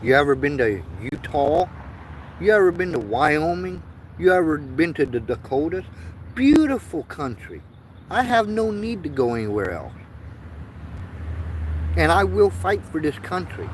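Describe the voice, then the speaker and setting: With background noise behind him, this livestream host speaks in a slightly high, sing-song voice at a measured pace, pausing often. He is in his fifties, Vietnamese-born and American-raised, and his earnest, rambling casual monologue frequently circles back to repeat itself.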